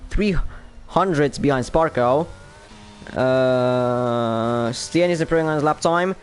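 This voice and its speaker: A man's voice: medium pitch, takes it slowly, faint music behind. A young man with a Polish accent commentating a sim racing league qualifying session live, thinking aloud between laps and lifting sharply whenever a lap time lands. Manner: lifts sharply and speeds up on lap times, otherwise thinks aloud. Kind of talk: live esports race commentary.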